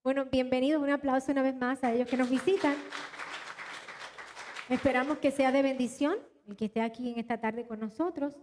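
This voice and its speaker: There's slight background noise as a Puerto Rican woman pastor preaches animatedly in a church hall, speaking directly to her congregation during a live sermon and announcements. Her voice sits high and is a little mellow, fairly quick with fairly even intonation, carrying a mixed Latin American Spanish accent with a bit of Puerto Rican.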